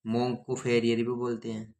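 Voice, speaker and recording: A man's voice: mid-range voice, monotone, moderate pace, darkish tone. A man teaching a grammar lesson, spelling words out letter by letter and asking his students questions.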